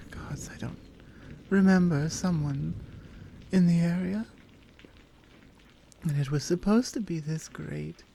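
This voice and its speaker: In an intimate ASMR roleplay, a woman voices a strong, tender lioness, speaking softly and earnestly with deliberate, halting phrasing. Her mood is somber and guarded, and her voice sits on the low side. The recording is rough, with slight background noise.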